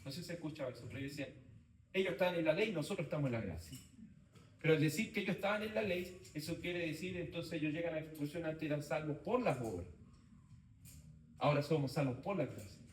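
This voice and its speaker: A man teaches a theology class. He speaks in short, repeated phrases and often asks whether his listeners follow. His slightly high voice is caught from a distance in a roomy space with a faint hiss behind it. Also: animated, fast. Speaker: Bible teacher. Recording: roomy echo, voice from off-mic, faint background noise.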